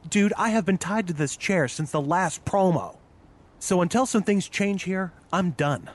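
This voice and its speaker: A man playing a fed-up man tied to a chair who complains loudly. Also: sits high, expressive, a little slow, a little hiss or hum. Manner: whiny complaining.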